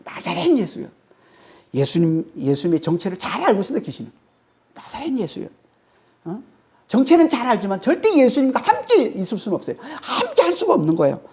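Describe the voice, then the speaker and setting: A woman's voice: mid-range voice, huge pitch swings, quick pace, darkish tone. A woman preaching a sermon. She is emphatic, repeats key phrases and keeps checking in with a prompting "eh?". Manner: often adds a prompting "eh?" to check the audience. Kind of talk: expository sermon.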